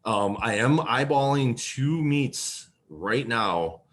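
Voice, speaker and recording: A man's voice: mid-range voice, animated, slow pace, a bit bright. A man from Wisconsin talking in a casual, earnest way as a podcast guest about his sport. He uses lots of "you know" fillers.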